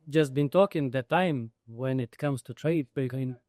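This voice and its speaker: A man's voice: mid-range voice, a little slow, a little mellow. A man from Lithuania, a student in a trading class, answering hesitantly and searching for words.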